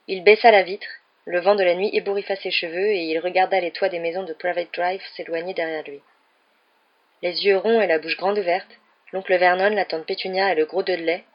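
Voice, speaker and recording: A steady audiobook narrator reads a children's story with calm, measured pacing. The voice sits in a middle range. The recording sounds a little dull and lo-fi. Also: medium pitch. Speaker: audiobook reader. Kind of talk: scripted narration.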